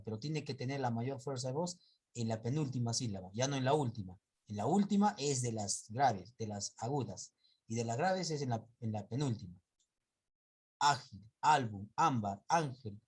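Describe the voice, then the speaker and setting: A man's voice: mid-range voice, darkish tone, slightly rough. A male teacher giving an online class, patiently drawing out example words and often correcting himself and checking in with students. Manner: patient, drawn-out word examples.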